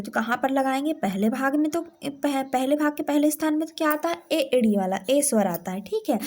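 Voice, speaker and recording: Woman shorthand teacher, slightly high pitch, patient and methodical, explains step by step. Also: darkish tone. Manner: patient, step-by-step, often checks with "theek hai". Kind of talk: classroom-style tutorial.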